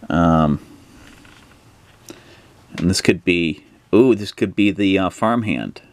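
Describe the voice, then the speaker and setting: A man's voice: deep voice, slow. A man narrating a solo tabletop adventure, thinking aloud with plenty of hesitations as he rolls and decides. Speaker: solo tabletop game player.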